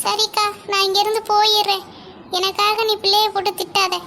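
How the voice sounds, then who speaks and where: A meek, tearful aunt in a cartoon, voiced by a woman, speaks softly and submissively. The voice is very high and bright. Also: flat delivery, a little hiss or hum, heavily acted. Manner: soft, slow, submissive. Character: meek tearful middle-aged aunt, gentle.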